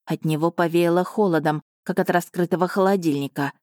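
A woman narrating a first-person novel as an audiobook, telling it in an even, measured way and giving the dialogue some life. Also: fairly low pitch, no echo, clean studio sound. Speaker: audiobook reader.

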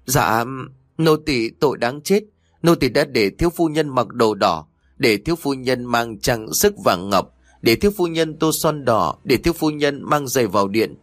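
A man's voice: mid-range voice, expressive, moderate pace, no room sound, clean studio sound, lightly acted. A man voicing a terrified young servant girl who begs for mercy. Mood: fearful. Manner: frightened, begging.

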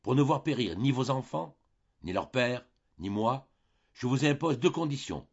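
A man voicing a distressed young countess, hushed and halting, in a dull lo-fi recording. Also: medium pitch, lively intonation, husky, voice pushed up. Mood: grave.

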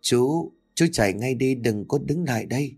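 A man's voice: medium pitch, lively intonation, moderate pace, a little mellow, slightly rough, soft background music, voice pushed up. A man voicing a frightened small boy who whispers an urgent warning in a ghost story.

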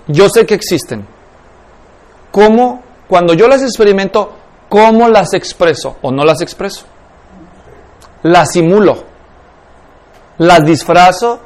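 A man teaching a class in a lecture on spiritual life, constantly questioning his students. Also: high voice. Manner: keeps asking the class questions.

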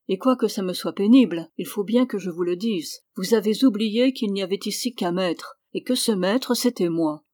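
A woman's voice: medium pitch, a little mellow, no echo, natural voice. Brief: woman reading a heavy-set middle-aged male master, commanding, voice rising, dry close sound. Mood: tense. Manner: commanding, raised voice. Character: stout middle-aged male master, anxious then furious.

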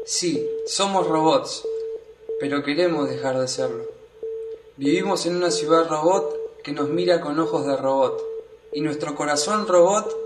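Radio monologue, male actor as plaintive weary robot, fairly high voice, echoey and noisy. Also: close to an everyday voice. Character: weary robot longing to stop being one. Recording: echoey, distant, noisy with telephone tones.

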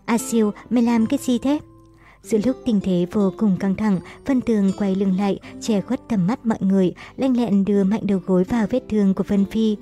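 Dark-voiced woman narrator. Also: mid-range voice, fairly even intonation, fairly quick, hardly any pauses. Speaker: audiobook narrator. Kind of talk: scripted novel narration. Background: faint music.

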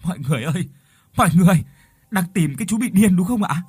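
A timid young village woman in an audio story, calling out urgently and politely, as a male narrator plays her. The voice is a little husky and lifts higher than his usual tone. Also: animated, fairly quick, darkish tone, no room sound. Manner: urgent, raised, polite calls.

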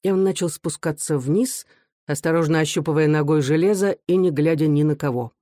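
An audiobook reader narrating a novel in a measured, even storytelling manner. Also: mid-range voice, dry recording, studio quality. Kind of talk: scripted literary narration.

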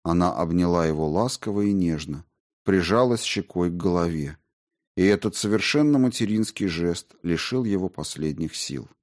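A man narrating a fantasy audiobook in a steady, expressive storytelling manner. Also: low voice, normal speed. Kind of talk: scripted narration.

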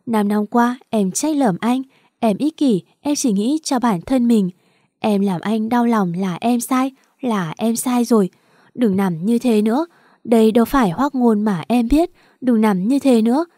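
A woman's voice: fairly high pitch, a little slow, warm tone, no echo, clean studio sound. A woman voicing a grief-stricken young woman who pleads tearfully with her lover. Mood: pleading tearful.

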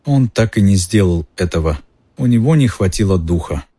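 A man reading a novel aloud in a steady, measured narrating voice. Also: low-pitched, slightly rough. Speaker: audiobook reader.

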